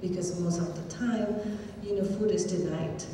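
Speaking at a normal speed in a lowish, steady voice, a middle-aged woman whose native language is Indonesian advocates earnestly for shelters, using many fillers and repeating phrases. Her public talk in a large, audience-filled hall comes from a podium mic captured by a far-off camera, so it sounds roomy and reverberant, with background noise.

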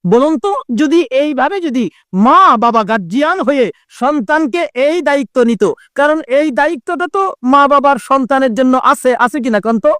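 High-voiced man preaching a Bangla waz. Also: lively intonation, normal speed, a bit bright, no echo, studio quality. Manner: sing-song preaching, acting out mother and child voices.

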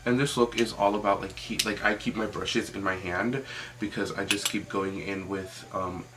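A young man gives a casual, chatty makeup tutorial with music playing in the background. His voice is fairly low with fairly even intonation at a moderate pace, and he speaks informally, often saying "like."

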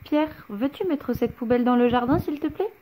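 A woman voicing a gentle, worried mother in a children's story, soft and sweet. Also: high voice, moderate pace, slight background noise, close to an everyday voice. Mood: caring.

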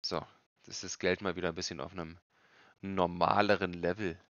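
A low, creaky male voice with a bright edge, a man in his thirties streaming from home. He mutters casual game commentary in short phrases, and the sound is slightly dull. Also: flat delivery, a little fast, dry recording.

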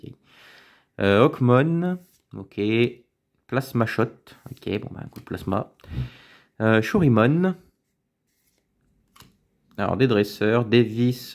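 A man chatting casually as he opens card packs, reading out names slowly and muttering asides. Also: lowish voice, darkish tone. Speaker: card-opening video host. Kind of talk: casual pack-opening commentary.

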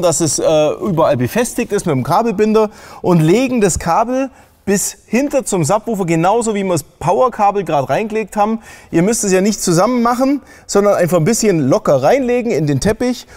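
In this hands-on tutorial, the middle-aged man plainly and casually walks through a car audio install one step at a time while working in a workshop. His voice sits high with a darkish tone.

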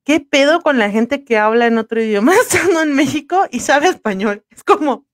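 A joking woman trades slangy banter as a podcast co-host. Her voice sits fairly high, and the recording is dry and close with no room sound. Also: animated, normal speed, dry recording. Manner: slangy, jokey, laughs often. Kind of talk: casual chat.

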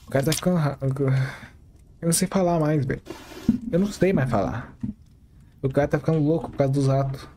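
A man's voice: a little high, brisk, long pauses, noisy background. A man with a Brazilian Portuguese accent hosting a gaming channel, joking and talking to his viewers in casual gameplay commentary. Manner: joking, talks to the viewers as he plays.

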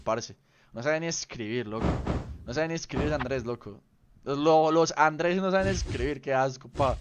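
A young man streaming a game, his voice sitting a little high for a man. He talks in loose slang and teases the people he plays with. A faint hiss sits under his voice. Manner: slangy, teasing, greets viewers by name. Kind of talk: casual live-stream chat.

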